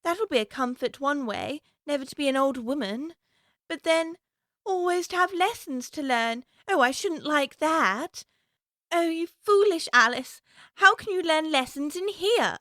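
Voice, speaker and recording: A woman's voice: high voice, animated, a little slow, fairly bright tone, no room sound, studio quality. A woman playing Alice, a curious young girl chattering away to herself in a prim, wondering way, for a full-cast audiobook. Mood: musing.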